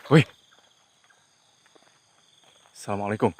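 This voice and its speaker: A man hosting a ghost-hunting vlog outdoors at night, talking to viewers in a tense, hushed way as he explores. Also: takes it slowly, slight background noise. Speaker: paranormal investigator host.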